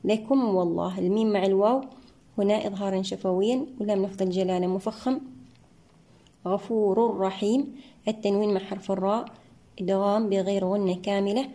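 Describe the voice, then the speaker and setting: A woman explains Quran recitation rules in a methodical lesson, stopping now and then with a soft "ah". Her voice is mellow and dark in tone. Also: mid-range voice, fairly even intonation. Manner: methodical, pauses with frequent "ah" fillers; chants verses slowly and drawn out.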